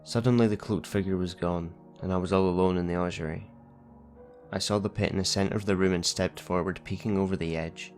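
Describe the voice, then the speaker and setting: Low-voiced male narrator for a first-person horror story, steady and measured, with soft music underneath.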